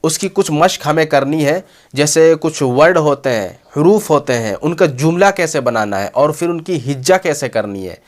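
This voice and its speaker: A man teaches reading at a board in a patient, repetitive way. He often checks in with a quick "okay" and slows right down to stretch out each syllable as he spells. His voice sits a little high for a man. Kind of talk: board lesson.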